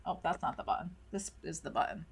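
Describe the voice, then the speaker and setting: A woman's voice: sits low, expressive, fast talker, husky. A woman streaming a video game, chatting playfully with her viewers and reading their messages aloud. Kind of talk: casual live-stream commentary.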